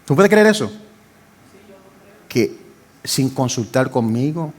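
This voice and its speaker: An older man, a pastor, preaching a fervent sermon that swings between loud pleading and quiet asides. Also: medium pitch, sing-song, slow, slight background noise.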